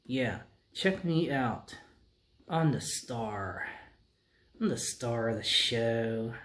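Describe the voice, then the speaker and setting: Man as a boastful ventriloquist dummy, boy character, slow drawn-out delivery, argumentative, puppet comedy act. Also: medium pitch, animated, fairly bright tone. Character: cocky bickering boy ventriloquist dummy, self-proclaimed star.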